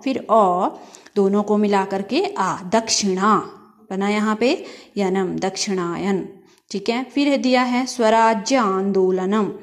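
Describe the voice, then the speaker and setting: A woman teacher giving a grammar lesson, asking questions and answering them herself, slowly stretching out sounds as she spells them. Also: medium pitch. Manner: asks questions and answers them herself, repeating key terms; drawn-out syllables when spelling out sounds.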